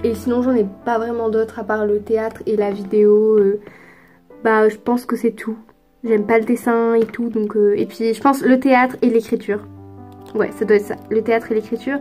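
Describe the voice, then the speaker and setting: A woman's voice: fairly high pitch, flat delivery, normal speed, mellow, faint music behind. A teenage girl from France answering viewer questions in a casual vlog, chatty and hesitant with lots of fillers. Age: teens. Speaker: youtuber.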